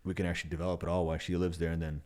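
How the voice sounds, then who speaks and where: Man, very low voice, relaxed chatty storyteller, podcast co-host. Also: racing. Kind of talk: casual chat.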